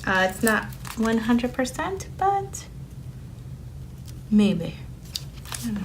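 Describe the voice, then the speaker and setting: On a rough recording, a woman with a fairly high voice speaks slowly as she decorates a planner for her vlog. Spanish is her first language, and she chats in a loose, rambling way full of fillers, over constant noise of crinkling stickers and paper.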